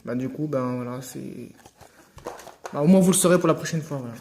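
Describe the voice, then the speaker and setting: A man's voice: mid-range voice, brisk, noisy background. A man casually hosting an unboxing video, hesitant with many fillers and restarts, joking asides to viewers.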